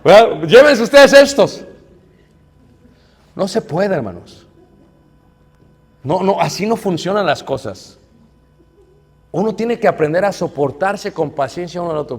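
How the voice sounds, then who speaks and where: A man's voice: fairly high pitch, a little slow, long pauses, breathy edge. A middle-aged man preaching a sermon, telling stories and acting out the people in them. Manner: animated storytelling, acts out quoted voices. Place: church hall. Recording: church hall reverb.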